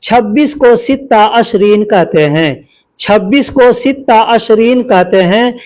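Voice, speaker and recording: A man's voice: high voice, animated, measured pace, darkish tone. A man teaching a spoken language lesson, saying each line twice in a patient, repetitive way.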